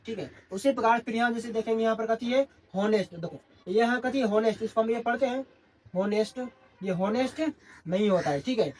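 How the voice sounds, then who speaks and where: Man teaching, quizzing himself. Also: high voice. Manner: constantly asks and answers his own questions. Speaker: English grammar teacher. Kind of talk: classroom lesson in Hindi.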